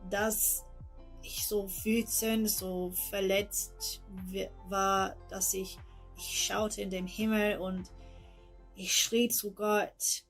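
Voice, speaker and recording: A woman in her twenties from England, with an English accent and English as her first language, giving a personal testimony in slow, halting, careful speech. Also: medium pitch, flat delivery, faint music behind. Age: 20s. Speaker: testimony speaker.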